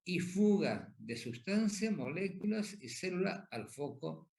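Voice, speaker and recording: Male lecturer, slow, voice a bit high, asks and answers his own questions. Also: very animated, gravelly, darkish tone. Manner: tag questions after points; repeats key points. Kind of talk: pathophysiology lecture.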